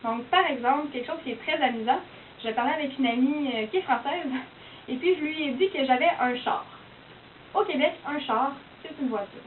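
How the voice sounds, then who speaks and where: A young woman with a high, light voice and a Québécois French accent talks in a casual, chatty way, filling her sentences with "donc" and "euh." She sounds some distance from the mic in an echoey room. The sound is thin and phone-like, with a faint hiss underneath. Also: normal speed. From Quebec. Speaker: university student explaining her dialect. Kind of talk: casual explanatory talk.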